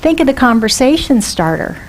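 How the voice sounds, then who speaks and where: Woman minister, fairly high voice, chatty sermon, questions to the congregation. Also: big pitch swings, fairly quick, low-quality recording. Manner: conversational, asks the congregation questions. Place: church sanctuary.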